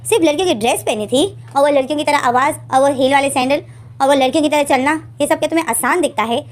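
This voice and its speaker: A woman doing a doting mom, scolding then affectionate, bright and high, storybook. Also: quick pace, close to an everyday voice. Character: mother, doting, playful, fair to both sons.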